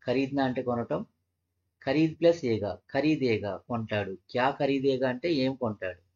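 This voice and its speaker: A man's voice: mid-range voice, normal speed, a little mellow. A man teaching a language lesson, patiently repeating each phrase and breaking it into parts. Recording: dull, muffled lo-fi audio.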